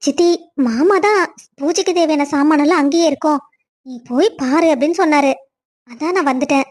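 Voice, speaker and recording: A woman voicing a timid, tearful young woman in a cartoon story, who pleads softly. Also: high-pitched, brisk, natural voice. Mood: pleading. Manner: soft, pleading.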